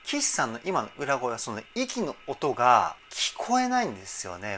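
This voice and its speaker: A male vocal coach talking enthusiastically as he breaks down a song, pausing to try out the parts himself. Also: mid-range voice, a bit bright, slight background noise. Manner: enthusiastic, explains while trying out sung examples. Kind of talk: reaction and vocal analysis talk.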